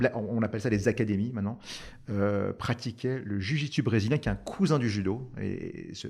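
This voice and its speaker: Gravelly, husky-voiced man, hesitant. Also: lowish voice, darkish tone. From Iran, raised in France. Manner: hesitant, many fillers and restarts. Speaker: startup founder, podcast guest. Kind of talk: conversational interview answers.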